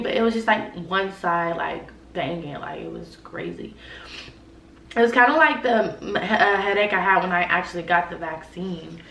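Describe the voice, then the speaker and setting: Stuffy-nosed and sick with something like a cold, this young adult woman vlogs casually to camera in a medium-pitched, somewhat bright voice. She rambles with frequent fillers, especially "like" and "y'all," recorded in an echoey room with her voice a bit distant from the mic.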